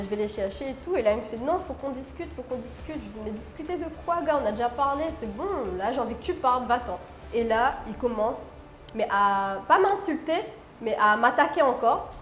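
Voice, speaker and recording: A woman from Réunion, a guest, telling a personal story in an expressive, dramatic way. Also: fairly high pitch, brisk. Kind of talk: animated storytelling. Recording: roomy room with faint music.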